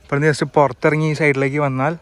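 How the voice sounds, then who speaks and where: A man's voice: on the high side, level tone, fast, smooth, dry recording. A man doing a casual travel vlog outdoors, chatting as he walks and explains what he sees. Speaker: travel vlogger. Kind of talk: casual walking-tour vlog. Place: outdoors at a nature sanctuary. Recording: voice over loud background music.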